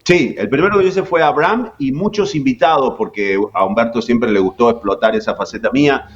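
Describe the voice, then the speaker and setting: A voice actor in his forties from Jujuy, Argentina, tells stories as a guest in a relaxed interview, speaking with an Argentine accent. He is chatty and uses many fillers, talking briskly at a medium pitch on a muffled recording.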